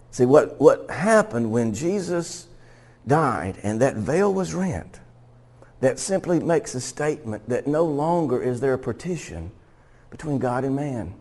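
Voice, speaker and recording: A man's voice: medium pitch, a little mellow. Male pastor with a mid-range voice, teaching casually from scripture, laughing as he goes. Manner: conversational, laughs often, restarts and stumbles. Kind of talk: sermon teaching.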